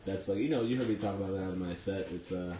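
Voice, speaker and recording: A man's voice: low voice, fast, warm tone, a little hiss or hum. Wry young New man in echoey room. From Long Island, New York. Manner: laid-back, profane, wry anecdotes. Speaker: guest comedian. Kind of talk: casual storytelling interview.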